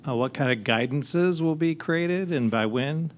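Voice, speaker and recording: A man in the audience asking the panel a question, halting and restarting. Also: a little high.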